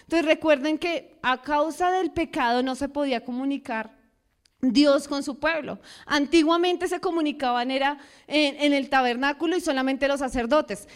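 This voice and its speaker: A young woman with a high voice preaches a sermon in a church. She keeps firing questions at the congregation and acts out the voices she quotes. Her delivery is animated. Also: moderate pace.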